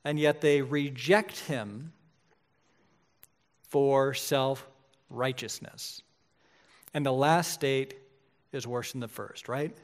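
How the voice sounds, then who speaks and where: A man's voice: medium pitch, fairly even intonation, slow pace, pauses often. A man in his forties preaching a sermon in a conversational way, often checking in with "right?". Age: 40s. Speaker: pastor.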